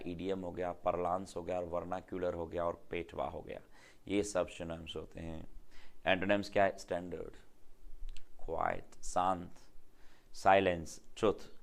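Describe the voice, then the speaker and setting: A middle-aged man teaching English vocabulary in Hindi, repeating each word and quizzing his students with quick questions. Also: low voice. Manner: repetitive, drills words with quick questions. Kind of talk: classroom vocabulary lesson.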